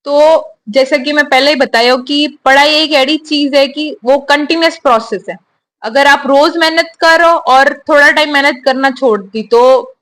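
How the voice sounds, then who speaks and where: A young woman, a new army officer, giving steady, earnest answers in an interview. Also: sits high. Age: young adult.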